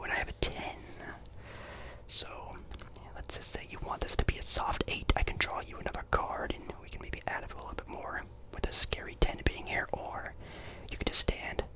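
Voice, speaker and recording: In a low-quality recording, a man whispers an ASMR roleplay as a friendly casino dealer who keeps apologizing. He's breathy and chatty, offering polite, hesitant reassurance.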